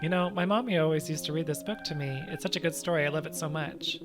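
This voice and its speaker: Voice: mid-range voice, quick pace, music in the background, lightly acted. A player voicing a shy, loving little girl who speaks in short, earnest sentences. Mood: tender.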